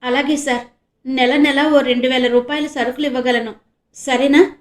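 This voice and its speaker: A woman's voice: high-pitched, moderate pace, close to an everyday voice. A woman voicing a pleading old shopkeeper. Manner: pleading, polite. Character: anxious older male shopkeeper, pleading. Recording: echoey room.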